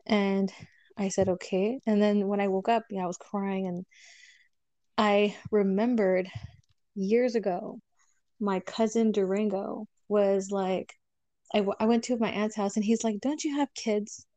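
A woman speaks in a warm, relaxed register, recounting a personal story to a podcast host. She animates quoted dialogue as she goes, and the recording is dry and close with no room sound. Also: mid-range voice, unhurried, no echo. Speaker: guest telling a personal story. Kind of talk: casual podcast chat.

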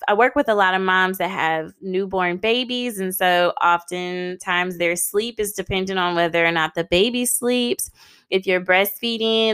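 Podcast host: American woman, thirties, crisp clean voice at medium pitch, encouraging and emphatic conversational advice. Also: fairly bright tone, dry recording. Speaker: podcast host and licensed counselor.

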